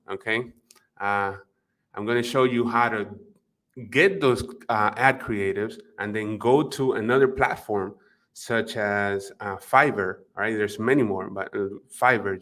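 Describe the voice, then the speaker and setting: A man with a Spanish accent hosts a live online coaching session from his office, speaking into a desk mic. His voice sits a little low, and he talks casually, greets viewers by name and leans on fillers as he goes. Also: sharp tone. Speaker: livestream host and marketing coach. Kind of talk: live webinar, casual chat. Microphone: desk microphone at computer.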